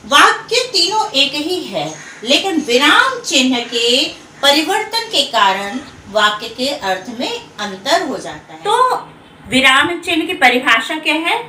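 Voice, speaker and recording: A woman teacher giving a grammar lesson, explaining slowly and repeating each term in other words. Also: high-pitched, pushed and bright, reverberant, far from the mic, a little hiss or hum, poor audio. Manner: explains slowly, repeating terms and rephrasing them. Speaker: Hindi teacher.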